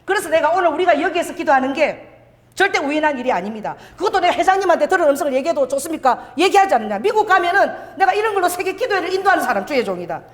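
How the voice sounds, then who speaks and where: A woman's voice: sits high, very fast. A middle-aged woman pastor giving a sermon, telling stories and acting out what people said to her. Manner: animated, storytelling, acts out quoted dialogue. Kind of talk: sermon with told anecdotes. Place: church sanctuary. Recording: long church hall reverb.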